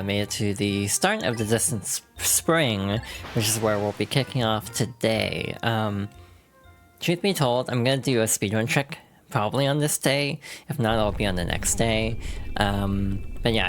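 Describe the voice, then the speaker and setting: This VTuber has a hoarse, froggy, medium-pitched voice from allergies. Chatting casually while playing a game, they're self-deprecating and full of fillers, laughing through their words at their own slips.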